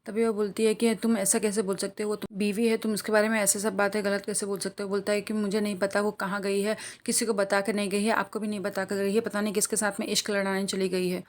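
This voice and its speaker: A woman narrating a TV serial episode recap, retelling the scenes briskly and reading the characters' quoted lines in her own plain voice. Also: mid-range voice, little pitch movement. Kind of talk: rapid plot-recap narration.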